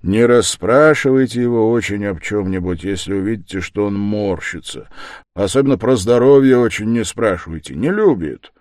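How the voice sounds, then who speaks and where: A man reads aloud, lightly acting the part of a thoughtful young man who speaks plainly, pitching his lowish voice above his natural one. The delivery is expressive, at normal speed, and a little mellow, in clean studio sound with no room noise.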